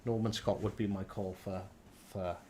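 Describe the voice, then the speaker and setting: Low-voiced man with a Welsh valleys accent. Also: steady tone, moderate pace, a little mellow, slight background noise. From South Wales valleys. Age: 30s. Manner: sweary, jokey. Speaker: live streamer and gaming video maker. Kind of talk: casual banter and game advice on a livestream.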